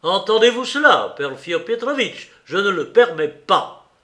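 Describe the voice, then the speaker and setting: A man's voice: high voice, big pitch swings, a little slow, bright, forceful tone, reverberant, pitched above the performer's own voice, full character voice. A man doing a feverish, defiant young student. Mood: shouting. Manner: clipped, indignant outbursts.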